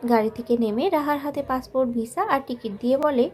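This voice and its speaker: A woman narrating an audio love story from a script, in a soft, measured and emotional way. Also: high-pitched.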